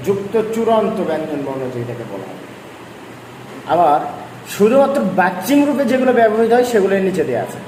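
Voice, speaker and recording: High-voiced male teacher in an echoey room. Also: very animated, fast talker, darkish tone. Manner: repetitive, coaxing explainer. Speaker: language teacher. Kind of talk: online lesson. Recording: echoey room, faint noise.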